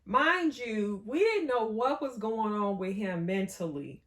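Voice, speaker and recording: A woman telling a story about her marriage to viewers in a casual, animated way. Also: mid-range voice, unhurried. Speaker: co-host.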